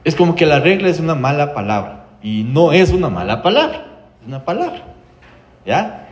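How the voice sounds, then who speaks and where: Ecuadorian male psychologist, slightly high voice, animated workshop storyteller, roomy sound. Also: moderate pace. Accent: Ecuadorian Spanish. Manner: animated storytelling, acting out quoted voices, frequent tag questions. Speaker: psychologist giving a workshop to parents. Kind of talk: workshop talk to parents. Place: room, workshop.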